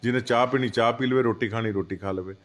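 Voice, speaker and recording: A man's voice: medium pitch, fairly even intonation, quick pace. A man, a party leader answering political questions in a heated, emphatic way. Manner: heated, emphatic, acts out what others say. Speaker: senior party leader, interviewee. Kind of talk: political interview.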